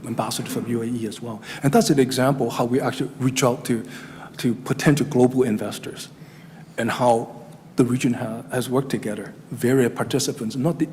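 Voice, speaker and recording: A man's voice: mid-range voice, a little mellow. A middle-aged man with a Chinese accent giving a formal presentation to a town council, speaking hesitantly with many fillers and restarts. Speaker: regional economic development presenter. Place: council chamber. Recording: hall reverb with faint room noise.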